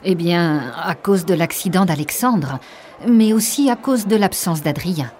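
A woman's voice: lowish voice, lively intonation, unhurried, darkish tone, a little hiss or hum. A woman voicing a chatty, worried mother of a pupil who talks in a concerned, gossipy way.

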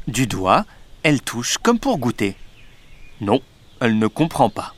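A man narrating a storybook reading in a lively, expressive way. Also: mid-range voice, unhurried.

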